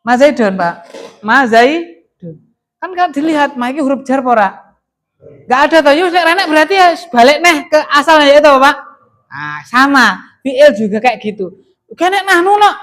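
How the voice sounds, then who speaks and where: A man's voice: very high voice, very animated, a little fast, fairly bright tone. A man with a Javanese accent teaching Arabic grammar in a classroom, explaining patiently and quizzing his students with frequent questions. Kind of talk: classroom lesson.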